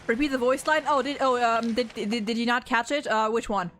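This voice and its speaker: A woman's voice: fairly high pitch, steady tone, fairly quick, a bit bright, slight background noise. A woman giving casual live game commentary as a streamer, stammering and repeating her words as she reacts.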